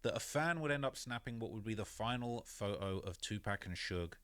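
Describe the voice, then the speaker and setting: A man's voice: fairly low pitch, animated, brisk, a bit bright, no room sound. A man narrating a story in a conversational way, with many "you know" and "basically" fillers. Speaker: YouTube narrator.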